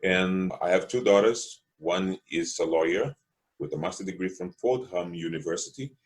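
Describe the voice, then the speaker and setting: A middle-aged man, a singer, giving a slow, proud scripted personal statement. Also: low-pitched.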